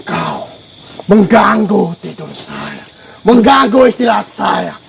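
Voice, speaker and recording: A man putting on a gravelly, slow guardian spirit. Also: sits high, wildly swooping pitch, a crowd in the background, heavily acted. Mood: stern. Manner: slow, commanding, interrogating. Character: gruff male guardian spirit of a place. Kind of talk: spirit-possession role-play.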